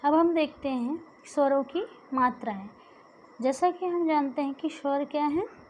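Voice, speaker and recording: A woman's voice: high voice, measured pace, a little mellow, slight background noise, poor audio. A woman teacher giving a grammar lesson, asking questions and answering them herself and drawing out the example sounds.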